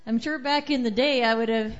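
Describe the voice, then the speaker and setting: A woman's voice: a little high, fairly even intonation, a little fast. A woman chatting and joking with the crowd between songs at an open mic night, speaking into a stage microphone. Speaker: open mic singer-songwriter. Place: small live music venue. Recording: muffled live venue recording with music.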